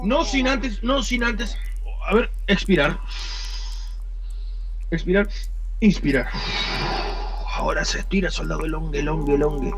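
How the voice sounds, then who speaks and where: An actor playing a bossy, pompous army sergeant in a comic radio sketch, barking drill sergeant commands in a gravelly voice. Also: male voice, on the high side, unhurried, long pauses, heavily acted, rough recording. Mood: gleeful, commanding.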